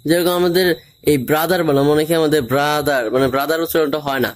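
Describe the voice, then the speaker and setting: Man teaching, slightly high voice. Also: steady tone. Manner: explains slowly, spelling words out letter by letter and splitting them into parts. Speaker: English grammar teacher. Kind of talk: informal classroom-style explanation.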